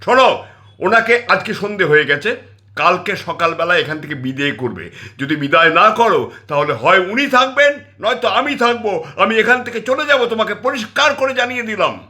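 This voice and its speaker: A man's voice: high-pitched, lively intonation, moderate pace, pushed and bright, pitched above the performer's own voice. A man voicing a middle-aged wife who screeches and scolds her husband, nagging and indignant. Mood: shrill scolding.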